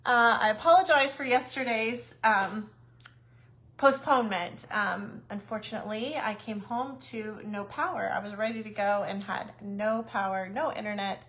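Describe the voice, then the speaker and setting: A woman's voice: medium pitch, normal speed, a bit bright. A woman hosting a casual craft livestream, chatty and a little nervous, greeting viewers by name.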